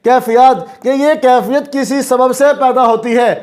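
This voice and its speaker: A man teaching Quran recitation rules, asking the class questions and answering them himself, and chanting examples slowly. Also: very high voice, steady tone, darkish tone. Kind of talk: explanatory lesson.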